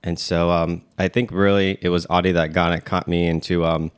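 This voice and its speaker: A man's voice: sits low, level tone, brisk, clean tone. A man in his thirties co-hosting a casual chat, rambling with many fillers and restarts. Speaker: podcast co-host.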